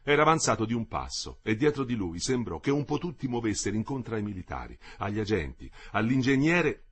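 Husky low-voiced male narrator. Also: big pitch swings, fairly quick. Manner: dramatic, varied phrasing. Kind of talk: audiobook reading of a novel.

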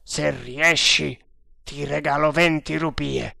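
A man voicing a brooding army captain who speaks in low, measured, commanding tones. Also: steady tone, creaky, pushed and bright, dry recording, studio quality, heavily acted.

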